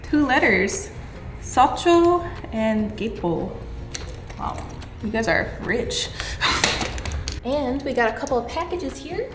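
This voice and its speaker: Speaking slowly with long pauses, a young woman with a high-pitched, expressive voice vlogs in a bubbly, playful way and laughs often, sounding stuffy from a cold. The background is noisy, the sound roomy with music behind it. She's in a living room at first, then at a post office.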